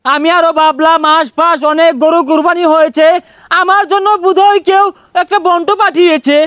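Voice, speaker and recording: A man's voice: very high voice, fairly even intonation, moderate pace, a bit bright, no room sound, studio quality. A man playing a pompous, hot-tempered king in a comic skit, bellowing commands. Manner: blustering, bellowing royal commands.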